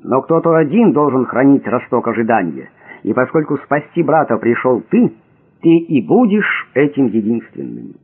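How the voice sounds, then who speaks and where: A man voicing a calm, mysterious male watchman who lectures patiently and a little mockingly. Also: medium pitch, moderate pace, husky. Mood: calm wisdom. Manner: calm, instructive, slightly mocking. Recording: thin phone-like audio.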